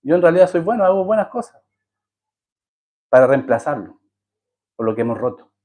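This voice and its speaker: A pastor from Chile tells a story in his sermon, acting out the voices and asking the congregation rhetorical questions. His slightly high, slightly mellow voice swings widely in pitch and moves a little fast.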